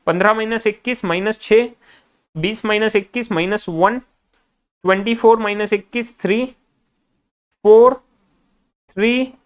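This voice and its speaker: A man's voice: high-pitched, clean tone. A male finance lecturer in a recorded class, adding up figures aloud half to himself and coaching students directly.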